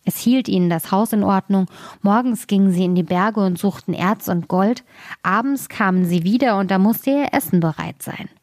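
Calm woman reading a fairy tale. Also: mid-range voice, moderate pace, no echo, clean studio sound. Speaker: storyteller.

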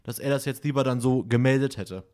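A man with a mid-range voice talks a little fast on a casual podcast. He tells stories animatedly, acting out the dialogue of the people involved.

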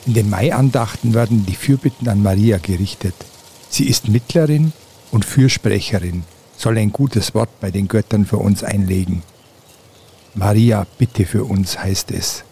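Mellow low-voiced man, calm and measured. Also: husky. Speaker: narrator and relaxation guide. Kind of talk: scripted reflective narration and guided relaxation.

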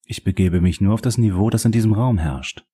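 A man's voice: on the low side, a little fast, dark tone, slightly rough. A man voicing a blunt, defiant woman detective. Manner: curt, clipped, defiant.

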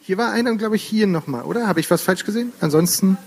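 A man's voice: high-pitched, lively intonation, quick pace, gravelly, a little mellow, slightly rough. A man moderating a panel discussion, organizing questions in a slightly apologetic way. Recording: distant voice in reverberant hall.

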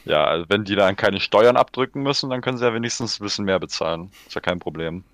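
A man's voice: on the low side, quick pace, a bit bright. A man in casual chat, adding dry, teasing remarks.

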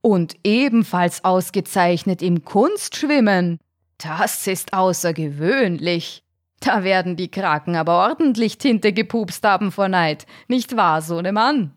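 A woman's voice: lowish voice, animated, measured pace, no room sound, clean studio sound. Woman doing a proud, boastful father shark. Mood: boastful cheerful. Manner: gruff, grumbling, self-assured.

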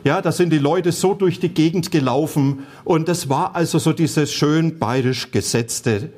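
Pastor guy preaching, a bit husky, tells stories and acts out the quotes. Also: on the high side, a little slow, a little mellow. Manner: earnest storytelling, quotes people in changed voices. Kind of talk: sermon.

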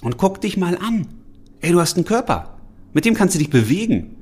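Male motivational speaker, slightly high, husky, animated, casual, talks straight to camera. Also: fairly quick. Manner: casual, slangy, direct address with laughs. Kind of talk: motivational monologue to the listener.

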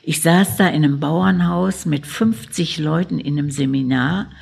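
A woman's voice: low-pitched, vocal fry, darkish tone, slightly rough. A middle-aged woman, a shaman and psychotherapist, telling her story in an interview in an earnest, reflective way. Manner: earnest, slow and reflective, tags lines with "ne?".

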